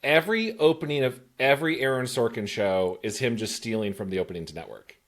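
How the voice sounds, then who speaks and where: A man's voice: mid-range voice, animated, quick pace. A man in his thirties hosting a podcast, chatting casually, joking and rambling into tangents. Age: 30s. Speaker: podcast host. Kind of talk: casual chat.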